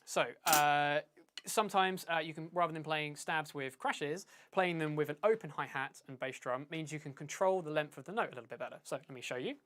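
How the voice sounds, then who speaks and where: A man teaching drums in a live stream, talking casually, sounding out beats with syllables, often pausing and correcting himself. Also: a little high, a bit bright. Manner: casual, vocalizes drum patterns with syllables; hesitant, many fillers and self-corrections. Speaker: drum teacher. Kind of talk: live-streamed drum lesson.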